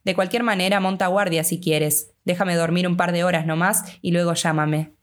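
Gentle, weary young male hobbit, reassuring, audiobook, read by a woman. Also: fairly low pitch, normal speed, natural voice. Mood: calm. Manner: calm and reassuring.

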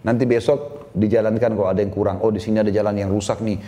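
A man's voice: lowish voice, level tone, fast, dark tone. A man preaching a sermon as a story, acting out the voices of the people in it and speaking directly to his listeners.

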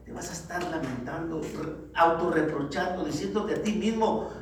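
A man preaching a sermon to the congregation, calling them brothers, swinging from loud exhortation to low, grave tones. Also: normal speed, a crowd in the background. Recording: very echoey hall, distant mic, faint noise.

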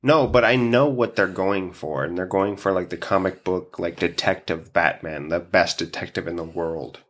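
Deep-voiced man, stuffy with allergies. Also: normal speed, a bit bright. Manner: casual, swears often, laughs a lot. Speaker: podcast host. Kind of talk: casual chat.

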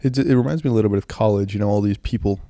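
Recorded close on a handheld mic and audio recorder with no room sound at all, a young podcast host talks alone from his bed indoors while fighting a cold. He rambles low-key at a racing pace, his low, phlegmy, gravelly voice dark in tone.

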